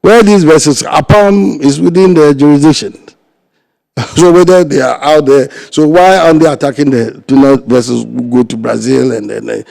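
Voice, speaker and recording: On a low-quality recording, a gravelly older man speaks at normal speed in a steady tone with a Ghanaian English accent. Appearing as a fisheries sector guest in a studio interview, he is emphatic and argumentative, shifting from loud emphasis to low asides.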